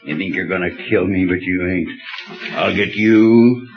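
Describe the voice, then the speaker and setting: A man's voice: low voice, unhurried, faint music behind. An actor playing a bitter, vengeful American convict in an old radio drama, with a snarling tough-guy manner. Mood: defiant, menacing. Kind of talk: 1930s radio drama acting. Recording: dull old radio recording.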